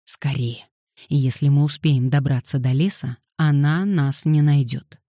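A woman's voice: deep voice, fairly even intonation, measured pace, mellow, no echo, clean studio sound. A woman reading an audiobook voices an impatient boy who snaps and growls at his little sister with sarcasm. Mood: urgent. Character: boy, impatient and grumpy older brother.

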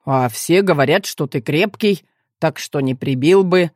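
A woman voicing a blunt, cheerful young male athlete who teases in a deadpan, rough way. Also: deep voice, measured pace, no room sound, studio quality. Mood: teasing.

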